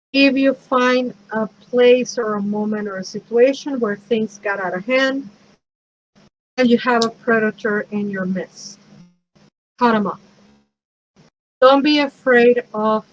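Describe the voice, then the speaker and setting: A woman's voice: fairly high pitch, muffled recording, a little hiss or hum. A woman priestess and minister giving a frank, conversational workshop talk, advising listeners with self-deprecating asides.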